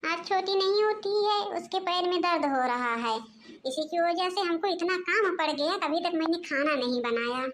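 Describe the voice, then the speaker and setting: A woman's voice: very high voice, expressive, moderate pace, fairly bright tone. Woman voicing a timid young daughter-in-law. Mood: worried. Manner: timid, apologetic. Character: meek young daughter-in-law, fearful, overworked.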